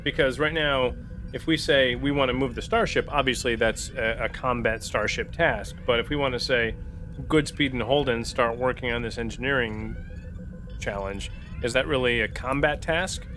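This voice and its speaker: A man with a medium-pitched, sharp-toned voice speaks at normal speed as a player in a tabletop role-playing game. He's casually talking through options out of character, with faint background noise.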